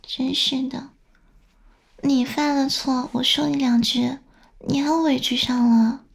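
A woman playing a gravelly-voiced stern older sister, whispered role-play. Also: high voice, level tone, slow, exaggerated voice. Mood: lecturing. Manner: scolding, then coaxing softly. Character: stern but doting young older sister.

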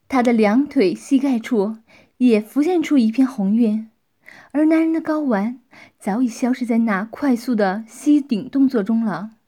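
Slow, high-voiced woman narrating. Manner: drops into soft, half-whispered passages. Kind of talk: storytelling narration.

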